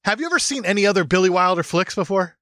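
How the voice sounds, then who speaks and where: A man with a bright, forceful voice that swings widely in pitch, recorded dry and close. He co-hosts a casual movie podcast, joking and swearing as he gushes like a devoted fan. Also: lively intonation, quick pace, no room sound. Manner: swearing, hyperbolic fan enthusiasm. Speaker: podcast co-host.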